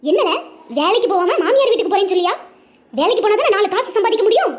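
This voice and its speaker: Cartoon nag: a woman playing an older mother-in-law with a Tirunelveli Tamil accent, very high and quick, bossy. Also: expressive. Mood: scolding. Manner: scolding, bossy. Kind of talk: cartoon voice acting.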